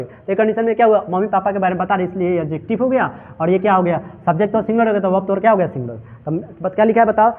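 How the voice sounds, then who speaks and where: Man, high voice, English teacher, drills students with repeated questions, tinny phone-like recording. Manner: mixes Hindi and English. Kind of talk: classroom translation lesson.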